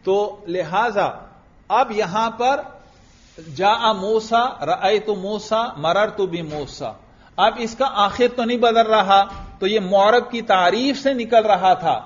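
A man teaching grammar in a classroom lecture. He keeps asking his students questions, answers them himself, and slowly chants example phrases. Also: high voice. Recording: dull lo-fi recording.

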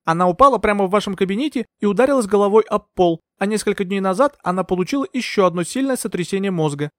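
A cold, composed nurse speaks in a raised, steady voice, as a male audiobook reader puts her on. She stays imperturbable and firm, close and dry. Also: high-pitched, fast talker, no room sound, pitched above the performer's own voice. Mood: coldly calm. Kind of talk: audiobook character voice.

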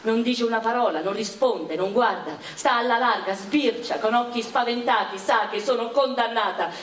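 In a radio-theatre monologue, an actress plays a proud woman revolutionary who waits in prison for her execution, unrepentant. Her natural, fairly high voice carries a wistful, reflective mood, measured and literary with deliberate pauses. There is slight background noise.

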